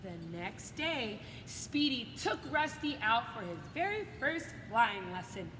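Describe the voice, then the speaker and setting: A coach reads a picture book to her students, her fairly high, sing-song voice moving slowly through the children's story as she adds simple, encouraging teacher-like comments. The room is echoey and reverberant, with loud background noise.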